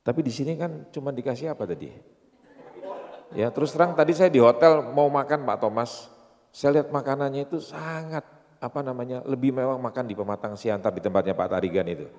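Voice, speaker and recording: A man's voice: mid-range voice, a little fast, darkish tone. A pastor in his sixties with an Indonesian accent, giving a seminar sermon full of jokes and rhetorical questions to his audience. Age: 60s. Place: church seminar hall. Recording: long hall reverb.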